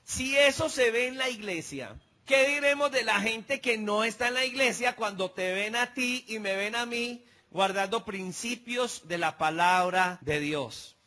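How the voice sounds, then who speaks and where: High, bright-voiced preaching man. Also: unhurried, few pauses. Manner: storytelling preacher acting out dialogue, rising emphatic peaks. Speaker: pastor. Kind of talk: sermon.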